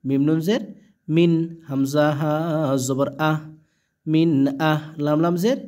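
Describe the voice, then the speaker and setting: Man spelling out Quran lessons slowly. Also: a little high, darkish tone. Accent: Bangladeshi. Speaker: Quran reading teacher.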